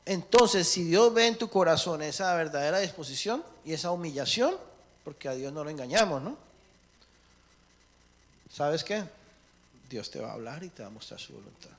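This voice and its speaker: A man preaching a sermon with emphatic swings between loud and soft, acting out prayers and little dialogues. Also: a little high, expressive, normal speed, long pauses.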